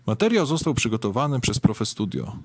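A man teaching a bilingual English lesson, with a clear, measured delivery. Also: mid-range voice, sing-song, no echo.

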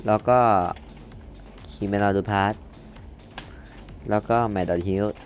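Slow, low-voiced young man talking through code. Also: little pitch movement, a little mellow, faint music behind. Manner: thinks aloud while typing, reads code out word by word, self-corrects. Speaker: coding tutorial host. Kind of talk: casual screen-recorded coding lesson.

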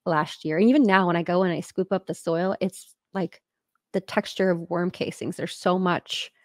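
A woman hosts a casual home podcast over a video call. Her voice sits a little low and the sound is dry and close. She rambles in an easy, chatty way, stacking fillers as she goes. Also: fairly even intonation, moderate pace, dry recording. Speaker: podcast host. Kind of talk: casual chat.

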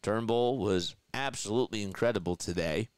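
Play-by-play livestream host here: a Philly-accented man in his thirties doing live baseball commentary and reading viewer chat aloud, laughing often and chatty throughout. His voice is fairly low and darkish, clean, at normal speed. The dry recording comes from a headset boom mic at a desk in a small indoor room.

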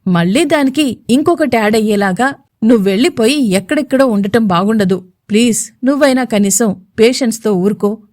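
Rich: A composed matriarch, as a narrator voices her, calming a quarrel in a soft, pleading way. Fairly high voice, dry close sound. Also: moderate pace, no echo, lightly acted. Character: calm older woman of the house, composed peacemaker.

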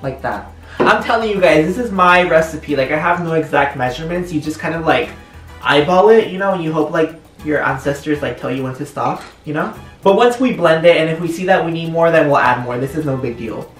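A man's voice: on the high side, brisk, fairly bright tone. A young man chatting casually and joking through a home cooking vlog in his kitchen. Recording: echoey kitchen, distant mic, faint music.

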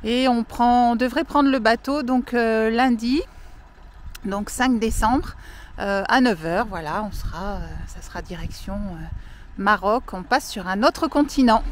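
A woman's voice: on the high side, unhurried, a little hiss or hum. Chatty middle-aged woman filming outdoors. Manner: chatty, many hesitations. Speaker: vlogger. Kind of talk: casual travel vlog narration. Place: outdoors by a camper truck.

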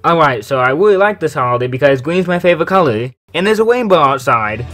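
A woman's voice: sits low, expressive, quick pace, music in the background. A woman voicing a cheerful young cartoon host in an amateur animation, playful and jokey.

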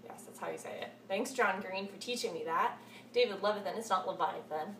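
Gushing over books to her camera, this woman in her twenties speaks briskly in a mid-range, fairly bright voice, repeating words for emphasis. She records indoors in a small, cluttered room at home, and the camera mic a short way off yields an echoey sound with slight hiss.

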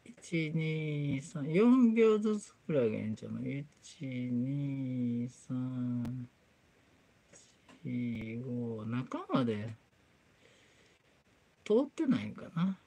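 Slow-talking Kansai woman streamer, chatty repair session, pitch all over the place. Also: lively intonation, dark tone. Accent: Kansai, with Kyoto dialect. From Kansai, Japan. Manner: chatty, mutters to herself as she works. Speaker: livestream host. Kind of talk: casual livestream chat while doing a repair.

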